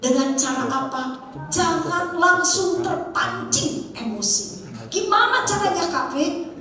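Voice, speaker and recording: A woman preacher, telling stories in an animated, laughing sermon to young people. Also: very high-pitched, slow. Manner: animated storytelling with laughs and acted quotes. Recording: echoey hall, mic from far off.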